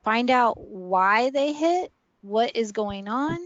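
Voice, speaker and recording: A woman's voice: a little high, lively intonation, takes it slowly, dry recording. A woman training preschool teachers, explaining with friendly classroom examples. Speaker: early learning trainer. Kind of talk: online training session. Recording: dull dry lo-fi audio.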